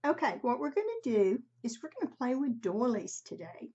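An older woman with a husky, breathy voice, giving a casual, halting craft demonstration at home in her craft room. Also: a little high, animated, mellow. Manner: halting, unhurried, conversational. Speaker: craft tutorial host. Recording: slightly dull, muffled sound.

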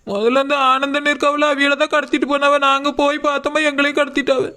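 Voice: high-pitched, level tone, fast talker, sharp tone. A performer voicing a frightened, tearful pregnant young woman.

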